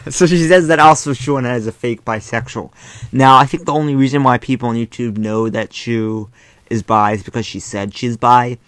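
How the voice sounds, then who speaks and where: A man's voice: medium pitch, moderate pace, fairly bright tone, no room sound. A man in his bedroom, talking casually and with exasperation in a rambling commentary vlog full of fillers. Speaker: YouTube commentator.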